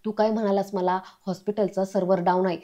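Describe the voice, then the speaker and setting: A woman reading the lines of an angry young man who accuses his friend over missing money, in a flat, mellow voice. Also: mid-range voice, quick pace, close to an everyday voice. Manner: accusing, heated.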